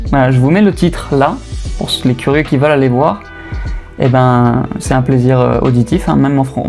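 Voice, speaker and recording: A man's voice: medium pitch, creaky, a little mellow. Young Frenchman, slangy car chatter. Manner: slangy and joking, with filler hesitations. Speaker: car channel host. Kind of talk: casual voice-over commentary. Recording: faint music bed behind voice. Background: faint lofi music.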